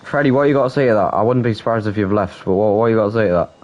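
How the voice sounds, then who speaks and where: A man with a Geordie accent doing casual sim racing commentary, excitable and quick to restart his sentences. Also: fairly low pitch, lo-fi sound. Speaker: race commentator.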